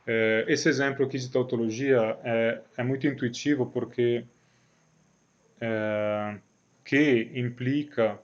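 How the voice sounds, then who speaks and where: Italian male lecturer, mid pitch, halting delivery with lots of fillers, dull lo-fi recording. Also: steady tone. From Italy. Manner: hesitant, many fillers and restarts, checks in with "né? certo?". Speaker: university math lecturer.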